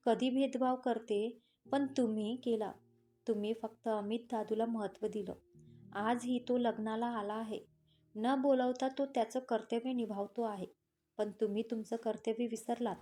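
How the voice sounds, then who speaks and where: An indignant young woman challenges her family with pointed questions, as a woman narrator voices her. The tone is mellow and a little high. Faint instrumental music plays under the storybook reading. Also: close to an everyday voice.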